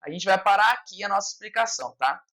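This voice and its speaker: A Brazilian woman teaching a French lesson online, explaining patiently and ending nearly every point with a quick "tá?". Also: mid-range voice, fairly bright tone, poor audio. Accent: Brazilian Portuguese.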